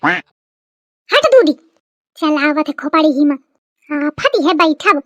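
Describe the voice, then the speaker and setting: A woman voicing a sharp-tongued rustic daughter-in-law with a Kanpuri village accent, scolding bluntly in a cartoon comedy. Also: sits high, expressive, slow, no room sound, dull audio, voice pushed down, full character voice. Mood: grumbling. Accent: Kanpuri rural Hindi.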